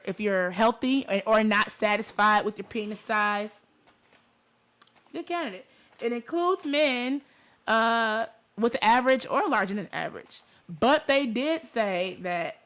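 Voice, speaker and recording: A woman from Detroit, United States, with a Detroit accent hosts a talk show, chatting casually and speaking directly to her listeners. Her voice is medium-pitched with a fairly bright tone.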